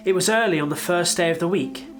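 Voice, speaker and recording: A man's voice: high-pitched, fast talker, fairly bright tone, soft background music. A man playing an apostle, narrating his memories in an earnest, reflective way. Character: older male apostle recalling his past. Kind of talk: dramatic narration.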